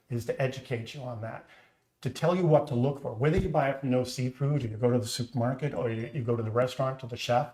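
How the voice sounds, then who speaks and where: A middle-aged man with a Boston accent, founder of a company, tells his story in a chatty, sincere way while hosting a casual live stream from an echoey home kitchen. His voice is medium in pitch and slightly mellow.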